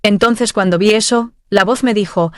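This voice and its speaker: A woman's voice: mid-range voice, moderate pace, no echo, clean studio sound. A woman telling of a dream vision at church, earnest and heartfelt. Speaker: church member giving testimony.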